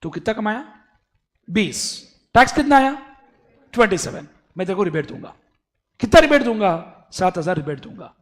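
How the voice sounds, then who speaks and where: A man teaching a tax lecture, animated and fond of addressing his students as "beta". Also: high voice, moderate pace, pauses often. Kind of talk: classroom lecture.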